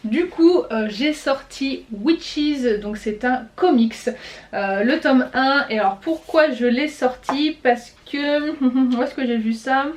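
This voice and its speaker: A young woman with a slightly high voice chats through her reading list, stopping often with little hesitations as she reads from her notes. It is a relaxed, homemade vlog recorded at home. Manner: chatty, with frequent "euh" pauses while reading notes. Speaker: book vlogger.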